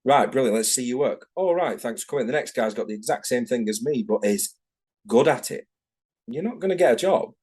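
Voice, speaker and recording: Husky, darkish and medium-pitched, a middle-aged Manchester man speaks a little fast and with animation as a tattoo artist guest in a casual video-call interview. In his Manchester English accent he rambles frankly, often self-correcting.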